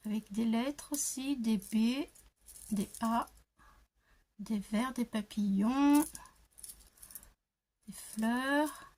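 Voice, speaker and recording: An older woman at home doing a crafting unboxing, gushing over each item and often dropping to soft whispers. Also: on the high side, drawn-out words, pauses often. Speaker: crafting vlogger. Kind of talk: unboxing show-and-tell. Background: paper crinkling and handling clicks.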